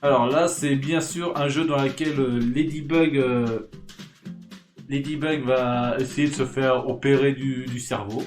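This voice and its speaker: A man's voice: medium pitch, fairly even intonation, a little slow, reverberant, faint music behind. A young man casually commenting on a game he is playing, rambling and swearing with self-mocking asides, into a desk mic at home. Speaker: gaming YouTuber. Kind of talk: casual let's-play commentary. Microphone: desk mic without headset.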